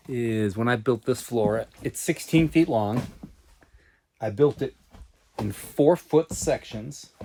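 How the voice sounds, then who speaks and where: A man's voice: mid-range voice, a little hiss or hum. A man casually talking to the camera as he explains his own off-grid cabin build. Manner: relaxed, chatty, explaining as he goes. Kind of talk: casual vlog talk to camera.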